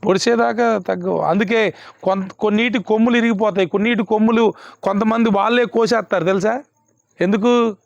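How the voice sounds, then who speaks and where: A man's voice: high-pitched, fairly even intonation, brisk, gravelly, no echo. A male pastor preaching a sermon, emphatic and repeating his questions to the congregation. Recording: dull lo-fi, dry sound.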